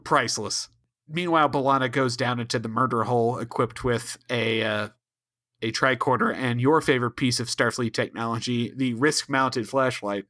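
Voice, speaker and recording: A man's voice: medium pitch, fairly even intonation, normal speed, sharp tone, no room sound, clean studio sound. A man co-hosting a podcast, recapping a TV episode with wry, sarcastic asides. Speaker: podcast co-host. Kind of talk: casual chat recapping a TV episode.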